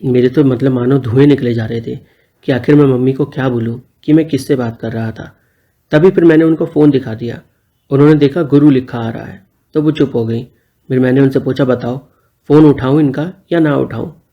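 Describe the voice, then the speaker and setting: A man's voice: medium pitch, steady tone, brisk, dull audio. A young man narrating a first-person story in a plain, conversational way.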